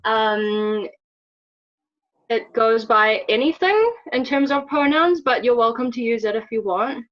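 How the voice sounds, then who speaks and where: A woman player describing her character in a tabletop game over a video call, calm and matter-of-fact. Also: fairly high pitch, unhurried. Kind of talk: casual chat at a tabletop game. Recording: slightly muffled video-call audio.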